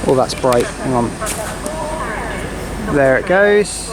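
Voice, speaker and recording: A man's voice: medium pitch, animated, takes it slowly, a loud crowd, low-quality recording. A man giving chatty, casual running commentary outdoors on a railway platform, reeling off train numbers. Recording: outdoor platform with clear background noise. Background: passing trains, outdoor ambience.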